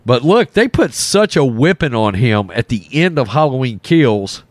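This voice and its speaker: A man's voice: medium pitch, very animated, moderate pace, no room sound. A man giving casual, blunt reaction commentary as a host, his voice thick from a cold and a sore, swollen throat. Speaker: host of a film reaction channel.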